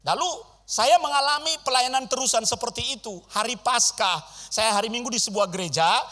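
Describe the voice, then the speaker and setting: Male pastor, middle-aged; high, animated storytelling sermon. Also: fairly quick. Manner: animated, acts out dialogue with big swings in loudness.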